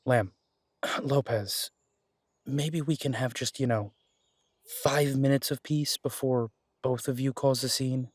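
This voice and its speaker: In an audio roleplay drama, a male actor plays a steady, protective detective who is tender with the partner he loves. Speaking slowly in a husky mid-pitched voice, he soothes, pleads and tries to make peace instead of shouting. He sits close to a dry mic, and the recording is dry.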